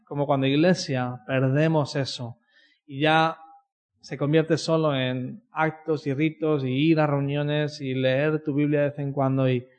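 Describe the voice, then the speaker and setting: A man from telling a personal faith story in a conversational way, often ending his sentences with a questioning "no?". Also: fairly high pitch. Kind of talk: personal testimony talk.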